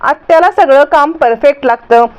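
A protective, hot-tempered young man, as a woman reads his lines, speaks earnestly. The voice is high and the recording dull. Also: normal speed, lightly acted.

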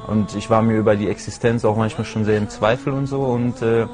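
Young guy in his 20s chatting his story, bit low voice, music under it. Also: steady tone, fairly quick. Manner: casual, hesitant with fillers. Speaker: interviewee. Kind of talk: personal testimony. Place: indoor room, seated.

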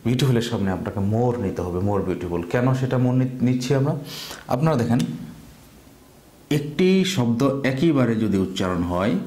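A man with a Bangladeshi accent teaching an English grammar lesson, explaining slowly and repeating example sentences. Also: medium pitch, darkish tone, reverberant.

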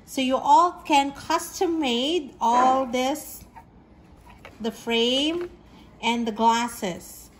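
A woman casually unboxing sunglasses at home, chatty and excited with lots of fillers. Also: sits high, very slow, slight background noise, rough recording. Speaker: vlogger. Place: home kitchen.

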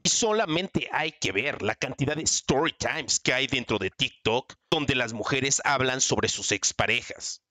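Bright, assertive male commentator. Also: mid-range voice, lively intonation, measured pace, hardly any pauses, no room sound. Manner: lecturing, assertive. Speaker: commentary channel host. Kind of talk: commentary to viewers.

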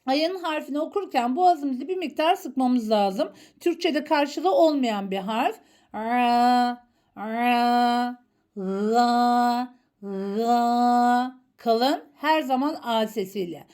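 A woman's voice: sits high, expressive, unhurried, few pauses, a little mellow. A woman teaching a Quran reading lesson, sounding out letters one at a time and correcting common mistakes. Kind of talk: slow, careful Quran alphabet lesson.

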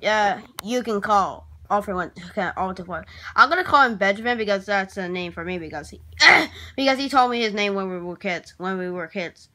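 Woman rambling through a vlog, bright sharp voice, keeps going all right and sorry. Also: mid-range voice, expressive, fairly quick, few pauses. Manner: hesitant and rambling, repeats and restarts words, keeps clearing throat and apologizing. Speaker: vlogger. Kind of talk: casual vlog talk while working at a computer.

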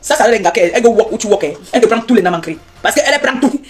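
A woman hosting a live stream, teasing her viewers and reeling off repetitive, mock-preaching blessings in a loud voice. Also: fairly high pitch, lively intonation, very fast, over music. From Cameroon.

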